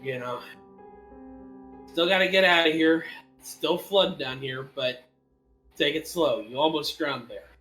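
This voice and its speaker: Careful, reassuring male survivor, played by a man at a game table, unhurried delivery, bright tone. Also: fairly high pitch, faint music behind, pitched below the performer's own voice, poor audio. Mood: soothing, careful. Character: concerned man gently steadying an injured companion. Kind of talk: tabletop role-play.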